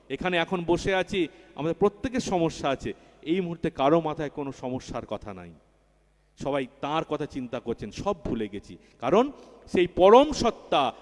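Male preacher, fervent, repetitive emphasis, fairly high voice, long hall reverb. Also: a little mellow. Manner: fervent, repeats key words and rises in emphasis. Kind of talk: devotional sermon. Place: large hall at a religious festival.

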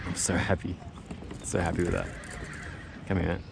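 A man fishing from a kayak, muttering excited commentary to himself and the fish, recorded on an action camera out on the harbour. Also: low-pitched, moderate pace, gravelly. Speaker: kayak angler filming himself. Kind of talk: casual self-talk vlog. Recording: loud wind and water noise outdoors. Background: loud water and boat noise.

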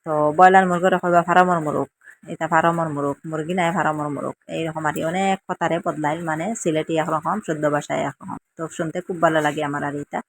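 A woman's voice: low voice, steady tone, quick pace, creaky, a little hiss or hum. A middle-aged woman from Assam with a Sylheti accent, chatting homely and repetitive in a casual cooking vlog from her village kitchen. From Assam, India. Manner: chatty, homely, repeating words for emphasis. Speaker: village lifestyle vlogger. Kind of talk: casual cooking vlog, explaining dialect words.

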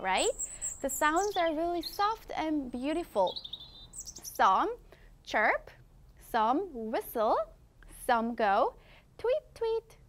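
A woman with a Korean accent teaching children English through a picture book, reading the English slowly and explaining each part in her own language. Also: high-pitched, slight background noise. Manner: slow, exaggerated English read-aloud with quick explanations in her own language. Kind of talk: bilingual storybook lesson for children.

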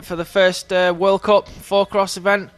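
A man co-commentating on a mountain bike race on a headset mic, chatty and excitable. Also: high voice, measured pace, clean tone. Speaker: co-commentator, team manager. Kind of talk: sports commentary.

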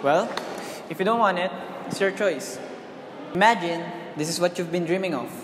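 A man's voice: high-pitched, normal speed, close to an everyday voice. A teenage boy acting as a calculating schoolboy who talks a friend into a trade, in a coaxing manner. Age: teens. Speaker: student bargaining with a friend. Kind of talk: student short film acting. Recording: loud background noise.

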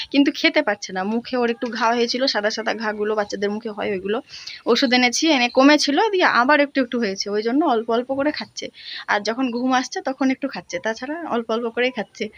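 A young woman vlogger with a fairly high voice talks quickly and casually at home. The recording carries a faint background noise. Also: a bit bright, lo-fi sound. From West Bengal. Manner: talks fast, admits speaking quickly; high sing-song baby talk to her child.

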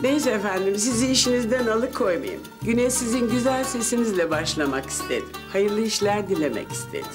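A woman's voice: mid-range voice, animated, a little fast, few pauses, over music, natural voice. A woman playing a prim, polite lady. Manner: polite, formal, sweet-talking. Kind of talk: sitcom acting.

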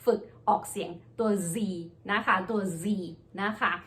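Bright-voiced woman teaching pronunciation. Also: medium pitch, fairly even intonation. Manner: chatty, repeats polite particles, models sounds slowly. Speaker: English teacher. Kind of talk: casual pronunciation lesson.

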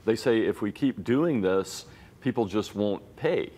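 A middle-aged man, a journalist guest, calmly explaining his reporting in a TV news studio interview. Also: fairly low pitch, breathy edge. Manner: measured, explanatory, paraphrasing sources. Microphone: lapel mic.

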